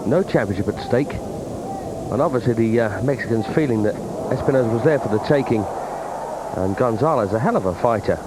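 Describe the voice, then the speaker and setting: A man's voice: mid-range voice, lively intonation, a little fast. A man giving conversational boxing commentary. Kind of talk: conversational television fight commentary. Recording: clear background arena noise.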